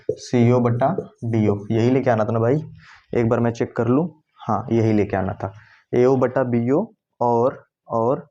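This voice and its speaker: A man's voice: medium pitch, mellow. A male math teacher explains each step as he writes on the board. He keeps checking in with "है ना" and answers his own questions. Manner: talks while writing, with constant "है ना" checks; asks questions and answers them himself. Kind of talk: board-work math lesson. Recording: dull lo-fi sound.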